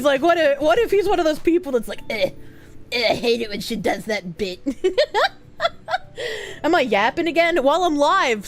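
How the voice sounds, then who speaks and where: A woman live streamer chatting casually, with playful swearing and the gushing, exclamatory manner of an excited anime fan. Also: high voice.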